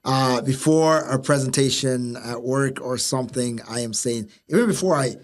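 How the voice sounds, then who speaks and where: A man talking casually and reflectively, halting at times and repeating words for emphasis. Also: medium pitch. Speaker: co-host who preaches.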